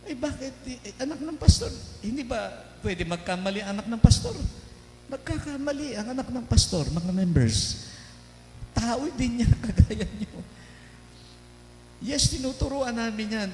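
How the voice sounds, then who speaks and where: Filipino pastor guy preaching, voice on the high side, long echo off the church walls, faint hum behind. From Philippines. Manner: mixes English into his talk, tells family stories with humor. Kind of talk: sermon. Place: church hall. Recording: echoey church hall with hum.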